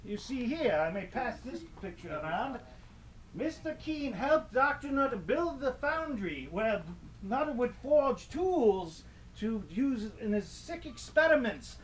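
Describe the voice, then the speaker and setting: Macabre comic ghost tour storyteller, male actor, theatrical and wordy, strikingly high voice, slightly noisy distant recording. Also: big pitch swings, unhurried, exaggerated voice. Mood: macabre relish. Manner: theatrical, mock-grandiose, wordy. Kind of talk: semi-scripted comic horror tour narration. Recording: distant mic, light background noise.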